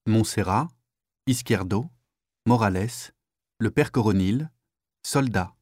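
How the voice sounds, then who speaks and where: A man reading a play's cast list and stage directions in a quiet, plain tone. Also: on the low side, takes it slowly, no echo, clean studio sound. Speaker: play reader.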